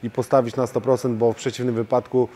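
Recorded in a martial arts gym with slight background noise, a man who fights professionally and coaches responds to interview questions. He talks fast in a mid-range voice, steady but full of hesitation fillers.

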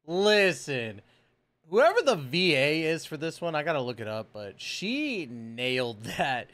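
An American man in his thirties, recorded close on a boom-arm microphone in a small collectibles-filled room, hosts a reaction video. His fairly high, fairly bright voice swings widely in pitch at a measured pace, and his commentary is slangy, casual, and full of exclamations.

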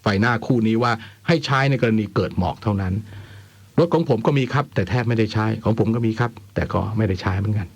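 A radio host in a dry studio chats informally on a phone-in programme and reads letters, throwing in wry asides. He is a fast talker with a voice on the low side.

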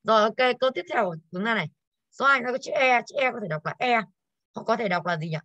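A woman's voice: a little high, fast, bright, forceful tone, dry recording, dull audio. Tired woman teacher quizzing her class. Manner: keeps asking the class questions, tired and coughing. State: tired, slight cough. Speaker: English teacher. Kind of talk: online class, going over exercises.

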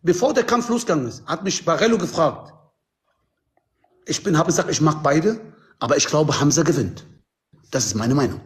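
A man with a high, very lively voice argues in a group call. He is insistent and combative, pushing his point and cutting in on others. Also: moderate pace, pauses often. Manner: insistent, argumentative, talking over others. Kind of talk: heated argument in a live group call. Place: indoor room, group video call. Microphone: video call on phone or computer.

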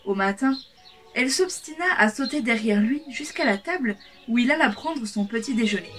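A woman reading a fairy tale aloud in a calm, measured way. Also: a little high. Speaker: storyteller. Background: soft background music.

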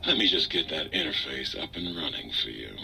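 A smooth-talking research machine, boastful and suggestive, with a very low voice that still rings bright and sharp. He rolls his lines out slowly and swoops all over in pitch, like a video game character hamming it up. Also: animated, faint music behind, full character voice, poor audio. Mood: flirty. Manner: suggestive, boastful, rhyming patter.

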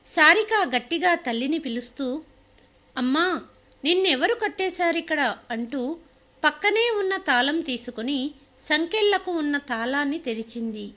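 A woman narrating a domestic family story in a steady storytelling voice. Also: high voice, moderate pace.

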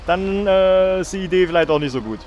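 A man's voice: high-pitched, fairly quick, a little mellow, dull audio, slight background noise. A young man hosting a let's play, joking and swearing in casual commentary while talking to his viewers.

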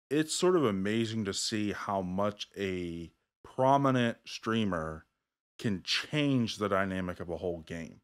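Animated man hosting a casual podcast. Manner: animated, acts out gamers' quotes in a higher voice. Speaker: podcast host. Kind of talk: casual chat over beers.

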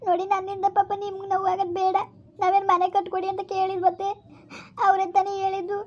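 A young daughter-in-law weeps and laments in a very high, narrow-ranged voice, played by a woman. She sounds broken and full of self-blame. The words rush out quickly through her tears, as in a village family drama. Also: monotone. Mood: tearful. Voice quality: sobbing, lamenting. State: crying.

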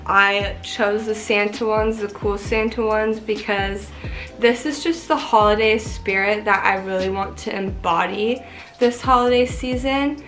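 Bubbly despite a cold that leaves her congested, a vlogger in her twenties talks casually to a closely framed camera in her small apartment bedroom, swearing now and then. Her medium-pitched, fairly bright voice stays steady at a measured pace, with soft music in the background.

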